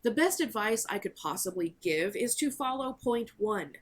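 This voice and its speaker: A woman's voice: mid-range voice, animated, moderate pace. A woman reading a scripted talk to camera in an earnest, advice-giving way. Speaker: author video creator.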